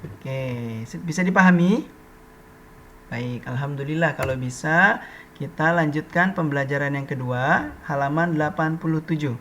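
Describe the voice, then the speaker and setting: A man's voice: a little high, normal speed, a bit bright. A man teaching a primary school lesson to children, asking questions and answering them himself. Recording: slightly dull recording with faint noise.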